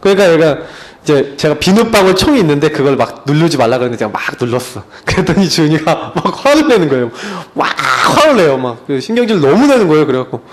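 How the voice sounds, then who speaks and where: A man's voice: on the high side, sing-song, quick pace. A middle-aged male pastor preaching a sermon in a conversational way, telling family stories and asking rhetorical questions.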